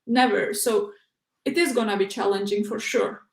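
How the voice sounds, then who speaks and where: This PhD researcher, a young woman from Uzbekistan and non-native English speaker, has a mid-range, creaky voice recorded in an echoey room. As an interview guest in a casual chat, she hesitates often, restarts, and leans on "uh" and "like."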